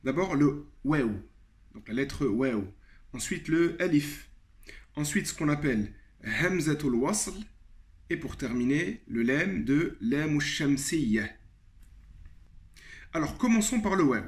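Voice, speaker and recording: A man with a fairly high voice teaches a lesson, walking through each point step by step. He slows down to repeat example words carefully and fills the pauses with hesitations. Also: expressive. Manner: explains step by step, repeats example words slowly, frequent fillers. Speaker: Arabic teacher. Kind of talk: video lesson.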